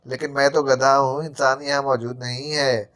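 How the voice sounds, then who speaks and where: A man's voice: mid-range voice, little pitch movement, fairly bright tone, lightly acted. Brief: jumpy, wisecracking male servant in an audiobook drama, stutters under fright, read by a man. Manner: stammering, quick-tongued sarcasm. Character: jittery comic male servant, quarrelsome.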